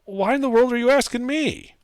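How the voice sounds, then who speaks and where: A man voicing a gruff, sarcastic half-orc in a tabletop game, blunt and grumbling. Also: extremely high pitch, a little fast, no room sound, clean studio sound, voice pushed up. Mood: gruff, suspicious.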